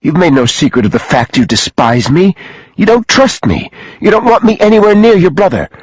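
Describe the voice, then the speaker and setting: A man's voice: fast talker, no room sound, close to an everyday voice, low-quality recording. A male narrator voicing a desperate, defiant pregnant young woman who pleads and turns bitter. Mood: challenging. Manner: pleading, bitter, breaking into high cries.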